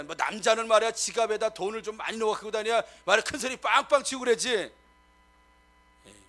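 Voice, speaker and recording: Emphatic high-voiced middle-aged male pastor. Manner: emphatic, rising to loud exclamations, constantly addressing the congregation. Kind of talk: sermon.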